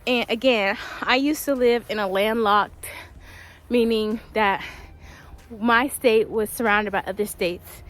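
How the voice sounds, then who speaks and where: A young woman talking casually while walking a quiet wooded trail in winter, a little out of breath, with many ums. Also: fairly high pitch, slow. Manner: chatty, laughs often, many ums. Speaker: vlogger.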